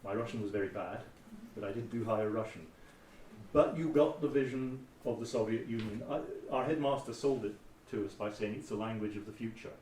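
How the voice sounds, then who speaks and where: A man's voice: fairly low pitch, a little fast, darkish tone, a little hiss or hum. A Scottish man with an Edinburgh accent, in his sixties, telling anecdotes with wry humour as a panelist at a roundtable. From Scotland. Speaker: panelist historian. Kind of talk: roundtable discussion. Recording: roomy hall from far off.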